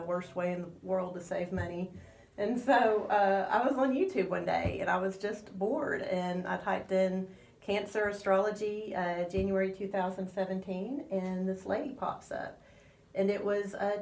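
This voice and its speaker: A woman's voice: mid-range voice, reverberant. A woman with a slight lisp, rambling casually as a radio guest with many fillers. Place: radio studio.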